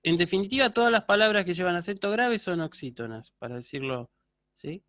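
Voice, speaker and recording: A man's voice: sits high, expressive, a little fast, a bit bright, no echo. A man teaching a university Greek class over a video call, patiently checking in with his students. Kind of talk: online lecture.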